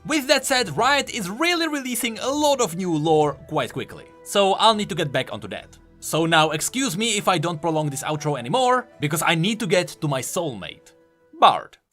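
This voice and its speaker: A man tells video game lore from a script with emphatic, dramatic delivery while a music bed plays behind him. His voice sits high and is sing-song and a bit bright, moving at a moderate pace.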